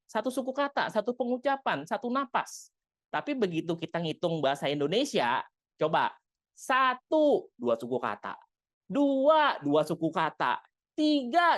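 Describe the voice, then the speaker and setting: Animated educator explaining to parents. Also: dry recording, clean studio sound. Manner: animated explainer, pitch jumps high for emphasis; chatty, frequent small laughs. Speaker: child development educator.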